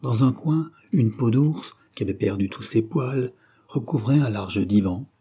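A man narrating a classic novel as an audiobook in a steady, measured storytelling manner. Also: mid-range voice, husky.

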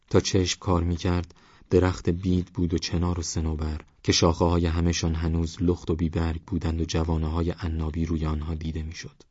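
A man narrating a literary audiobook in a calm, measured reading voice. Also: low voice, breathy edge, no echo, highs cut off.

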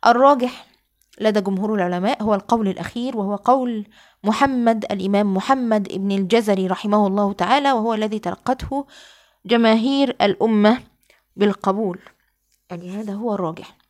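A woman with an Egyptian accent giving a lecture on Quranic readings, moving between casual explanation and slow, drawn-out recited examples. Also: mid-range voice, a little mellow. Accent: Egyptian Arabic. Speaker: Quran sciences teacher.

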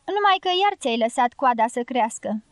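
A woman's voice: a little high, big pitch swings, dry recording, clean studio sound. A woman reading the part of a blunt, teasing older guerrilla woman with a strong voice in a storybook reading. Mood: bold teasing. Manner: teasing, forceful.

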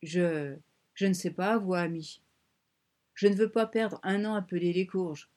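A woman's voice: lowish voice, fairly even intonation, unhurried, a little mellow, close to an everyday voice. A woman reading an audiobook voices a young Englishwoman, a castaway and former trapeze artist, earnest and insistent. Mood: hesitant. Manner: earnest and insistent, faltering when unsure.

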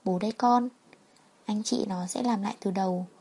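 A woman voicing a gentle, worried elderly father who speaks softly and reassuringly. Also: medium pitch, fairly even intonation, moderate pace, husky. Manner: soft and reassuring.

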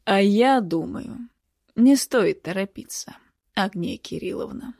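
Woman reading a calm, menacing male doctor. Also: medium pitch, slow, creaky, no echo, studio quality, exaggerated voice. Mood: icily calm. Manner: calm, mocking. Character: cold, menacing middle-aged male doctor.

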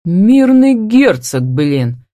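Вспыльчивый командный мужчина, озвученный женщиной, говорит отрывисто и резко. Звучание сухое, без эха. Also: female voice, lowish voice, normal speed, no echo, natural voice. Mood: irate. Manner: shouting, bossy. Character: angry older brother, bossy man.

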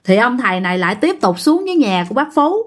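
A woman's voice: a little high, sing-song, quick pace. A woman with a Southern Vietnamese accent telling a ghost story casually, chatting straight to her listeners.

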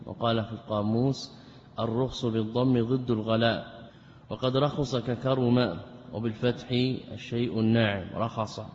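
A man, a religious scholar, gives a classroom lecture on legal theory. He explains in a measured way, poses rhetorical questions, and slowly repeats key phrases. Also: mid-range voice, steady tone, a little mellow. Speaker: Islamic scholar teaching a text. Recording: reverberant hall, dull lo-fi sound, faint hiss.

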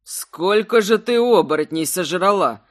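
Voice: medium pitch, lively intonation, measured pace, close to an everyday voice. A narrator voicing a fierce, bitter young werewolf man who snarls and mocks. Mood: mocking. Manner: snarling, mocking. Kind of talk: audiobook character voice.

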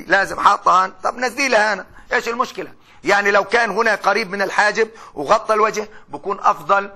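Lecturing at a university in a high, sharp-toned voice, this middle-aged Gaza native speaks with a Palestinian Arabic accent. His style is talkative: he throws questions out to the students and supplies the answers on his own.

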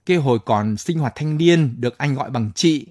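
Husky male late-night story reader. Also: medium pitch, no room sound, studio quality. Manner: calm, measured storytelling.

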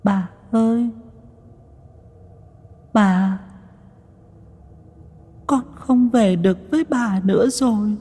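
A man voicing the ghost of a drowned little girl who speaks in a soft, sobbing voice. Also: high-pitched, takes it slowly, long pauses, breathy edge, long reverb tail, voice pushed up, heavily acted.

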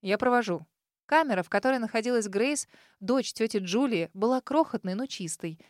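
A woman's voice: on the high side, expressive, a little fast, darkish tone, dry recording. Dry, close female audiobook narrator. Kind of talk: first-person audiobook narration.

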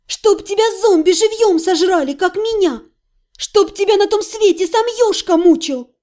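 Brief: woman reading a fierce, sarcastic young sorceress for an audiobook, voice raised high, dark timbre. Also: normal speed. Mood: biting. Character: sharp-tongued young female mage heroine.

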